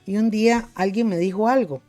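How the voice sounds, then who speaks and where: A woman's voice: mid-range voice, fairly quick, mellow, faint music behind. A middle-aged woman pastor with a Costa Rican accent, preaching a sermon and telling a personal testimony with fervor, often addressing her listeners as brothers and sisters. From Costa Rica. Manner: fervent storytelling, calls listeners brothers and sisters.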